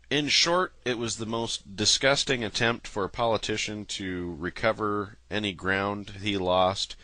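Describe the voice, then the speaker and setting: A man's voice: low voice, pushed and bright, dry recording. An angry man hosting his own political commentary channel, ranting with profanity and sarcasm. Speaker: political commentary video host. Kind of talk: angry political rant to camera.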